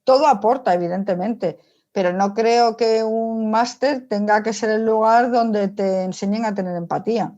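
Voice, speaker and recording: This interview guest, a woman psychologist, shares her opinions in an emphatic, informal manner and leans on rhetorical questions. Her voice is medium-pitched, mellow and steady in tone, at normal speed, recorded in dull lo-fi quality.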